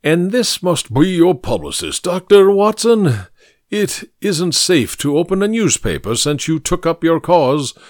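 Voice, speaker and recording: A booming, self-satisfied fat gentleman holds court in a grand, patronizing tone, as a male audiobook reader puts him on. His voice swings widely up and down as he lectures, and the recording is close and dry. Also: sing-song, unhurried, no echo. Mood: genial, patronizing. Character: fat, genial, pompous older gentleman who lectures. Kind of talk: audiobook character voice.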